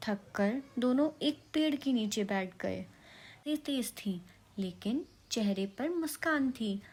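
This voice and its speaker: A woman narrating a children's story in a gentle, unhurried way. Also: on the high side, expressive, husky.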